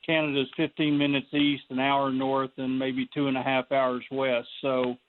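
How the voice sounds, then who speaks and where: A man's voice: mid-range voice, monotone, normal speed. A man calling in to a radio show over the phone, chatting in a friendly, rambling way. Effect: heard over the phone. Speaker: radio call-in caller. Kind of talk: casual chat. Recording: tinny phone line with faint hiss.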